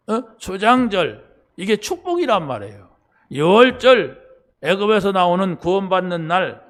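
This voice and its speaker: A middle-aged man preaching a sermon in a casual, conversational way, full of fillers and rhetorical questions. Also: fairly high pitch. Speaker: pastor.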